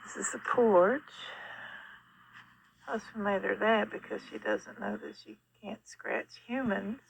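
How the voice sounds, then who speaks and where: Gravelly, hoarse older woman, rambling. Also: medium pitch, unhurried. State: sore throat. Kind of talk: casual update about a rescued stray kitten. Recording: faint noise, muffled at times by mask.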